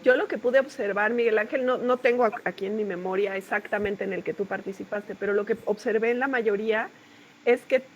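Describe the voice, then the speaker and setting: A Mexican-accented university lecturer in middle age runs her class in a relaxed, chatty, meandering way, frequently tossing in short tag questions. Her medium-pitched voice moves briskly. The sound is lo-fi.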